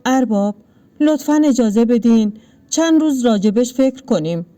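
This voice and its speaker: A woman's voice: fairly high pitch, lively intonation, dark tone, natural voice. A woman voicing a nervous village father in a read-aloud story, speaking hesitantly and trailing off. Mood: nervous pleading. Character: flustered, frightened village father.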